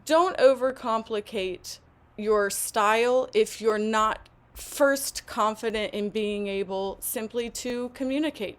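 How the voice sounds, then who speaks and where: A woman hosting a live online English lesson, speaking slowly and deliberately to learners. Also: a little high, clear, resonant tone. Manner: slow, deliberate, encouraging speech.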